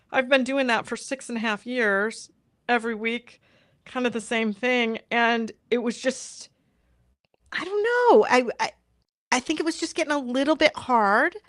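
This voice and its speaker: A woman's voice: fairly high pitch, normal speed, no room sound, studio quality. A woman podcast host chatting casually on a live stream, informal and apologetic, thinking aloud as she goes.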